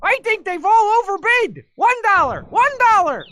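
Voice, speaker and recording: An actor voicing a naive little cartoon oddball in a squeaky voice. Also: very animated, normal speed, sharp tone, no room sound, clean studio sound, exaggerated voice. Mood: innocent, eager. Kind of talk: cartoon game acting.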